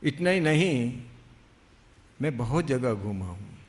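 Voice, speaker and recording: A man's voice: mid-range voice, expressive, slow pace. A man voicing a fearless young village boy, speaking in an eager, boastful way. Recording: long hall reverb.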